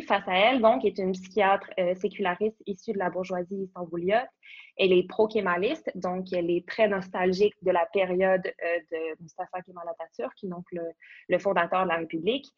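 A woman's voice: medium pitch, husky, lo-fi sound. A young woman, a podcast guest who explains eagerly, with many fillers and restarts. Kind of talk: podcast interview.

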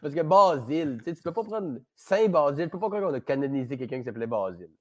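A man's voice: on the high side, sing-song, quick pace, a bit bright. A man with a Québécois French accent, a podcast guest chatting casually, rambling and playful, swearing freely. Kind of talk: casual conversation.

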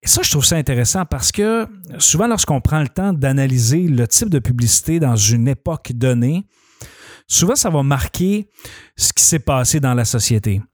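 A man's voice: medium pitch, expressive, normal speed, a little mellow, no room sound, studio quality. A man giving a casual spoken commentary, conversational with many fillers and restarts, addressing listeners directly. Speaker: commentator on advertising.

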